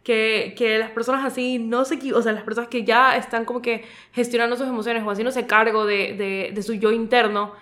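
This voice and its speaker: A woman's voice: on the high side, level tone, fairly quick, hardly any pauses, a bit bright. Reflective woman, agreeable. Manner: reflective, agreeable, frequent restarts and "total". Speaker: guest, friend of host. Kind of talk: casual conversation.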